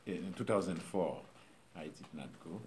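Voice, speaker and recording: A middle-aged Haitian pastor with a Haitian accent, speaking informally to a church group in a halting way, with many pauses and fillers. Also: male voice, deep voice, a little mellow, slight background noise.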